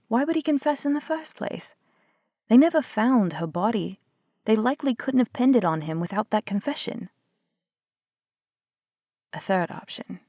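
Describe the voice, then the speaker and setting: A young woman with a warm, mid-range voice performs a one-sided audio roleplay as a skeptical investigator. She argues, gets sarcastic, swears casually, and sometimes drops to a whisper. The studio sound is clean with no echo.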